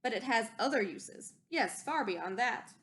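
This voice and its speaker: An old, secretive inventor from a storybook as a woman reads him, eager to justify himself. The voice is high and emphatic, with an excited recounting manner. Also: measured pace, slight background noise. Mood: defensive, boastful.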